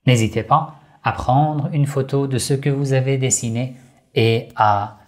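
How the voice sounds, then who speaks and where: Guy narrating a kids' religious story, real slow and calm. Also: mid-range voice. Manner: slow, gentle and deliberate. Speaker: storyteller for children.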